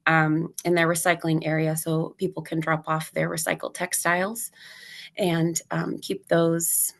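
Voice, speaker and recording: A woman whose voice is still weak after laryngitis presents in a webinar. Her voice sits very low and stays flat, with a gravelly fry, and she moves steadily through her slides. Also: measured pace. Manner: steady, informative delivery that cues slides. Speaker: nonprofit thrift store operations director.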